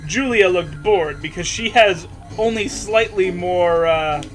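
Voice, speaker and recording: Soft music plays behind a man with a high voice who reads fan fiction aloud at a measured pace, mocking it as he goes. He's sarcastic, drifting between the text and casual banter, and even voices the punctuation marks.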